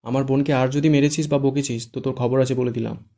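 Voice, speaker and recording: A man's voice: medium pitch, fairly even intonation, fast, mellow, close to an everyday voice. A man voicing a protective young woman who scolds sharply. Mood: scolding.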